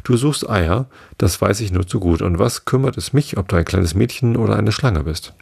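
A man reading the part of a suspicious, complaining mother pigeon in a storybook, in his own low husky voice. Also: animated, normal speed, a little mellow, no echo, clean studio sound, exaggerated voice. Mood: scolding. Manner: scolding, complaining, contemptuous. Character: shrill, suspicious female pigeon guarding her eggs. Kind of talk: audiobook reading of a classic tale.

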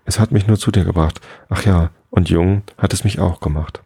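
A man's voice: deep voice, steady tone, moderate pace, dark tone, husky, no echo, heavily acted. A man doing a plucky younger brother. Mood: puzzled.

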